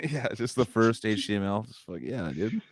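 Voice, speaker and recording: A man's voice: fairly low pitch, expressive, normal speed, dry recording, studio quality. A man with a Californian accent co-hosting a podcast in a casual, profane, slangy and jokey way. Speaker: podcast co-host. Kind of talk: casual chat.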